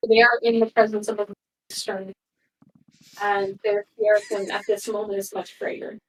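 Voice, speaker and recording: A woman's voice: medium pitch, moderate pace, vocal fry, a little hiss or hum. Woman game master, a bit distant. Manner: relaxed, with fillers. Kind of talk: narrating a tabletop game.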